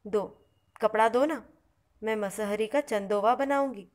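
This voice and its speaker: Woman voicing a demanding middle-aged mother, insistent, pleading, slow storybook reading. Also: a little high, a little mellow, lightly acted.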